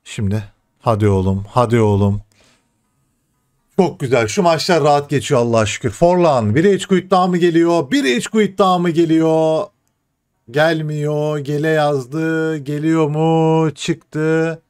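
A young man commentating his own football video game live, excitable, shouting and swearing at the game over background game music. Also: fairly high pitch, unhurried, clean tone. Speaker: gaming streamer.

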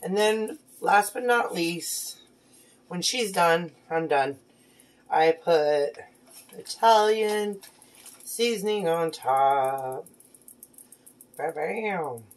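A woman in her thirties, her voice on the low side, draws out her words and leaves long pauses as she cooks with her daughter at home, praising her often. It's casual cooking vlog chat filmed on a phone camera on the counter, with dishes and pans clattering clearly.

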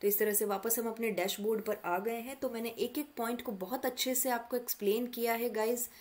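A woman's voice: on the high side, steady tone, fairly quick, a little mellow. A woman mentor walking students through an online course portal in a patient, step-by-step tutorial. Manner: patient step-by-step explaining, addresses students directly. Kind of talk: screen-recorded tutorial walkthrough.

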